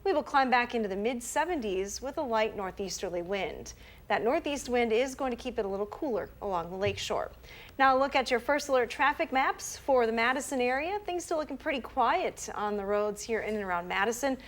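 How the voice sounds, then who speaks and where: A woman giving the morning weather and traffic report in a brisk, upbeat way. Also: fairly high pitch, animated. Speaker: meteorologist.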